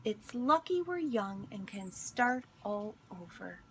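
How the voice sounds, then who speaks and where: A woman reading a picture book aloud in an expressive storytelling manner, pausing to speak to young listeners. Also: medium pitch, a little hiss or hum. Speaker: school instructional coach reading aloud.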